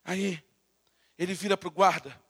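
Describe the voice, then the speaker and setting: Brazilian pastor guy preaching, super high sharp voice, fired up then hushed, long hall echo. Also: level tone, unhurried, breathy edge. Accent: Brazilian Portuguese. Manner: impassioned preaching, swinging between loud fervor and hushed intensity; stammers and repeats words while building to a point. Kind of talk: sermon.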